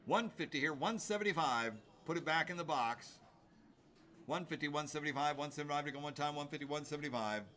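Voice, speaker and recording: A man working as an auctioneer, chanting bids in a rapid, rhythmic, repetitive sing-song of numbers. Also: fairly high pitch, pushed and bright, slight background noise.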